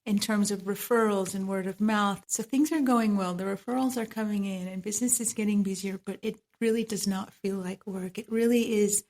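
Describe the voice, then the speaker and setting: Brisk and with few pauses, a woman from Trinidad speaks in a steady, mid-range voice with a darkish tone. She's a medical esthetician being interviewed on a podcast, thoughtful and quick to laugh, her Trinidadian accent clear.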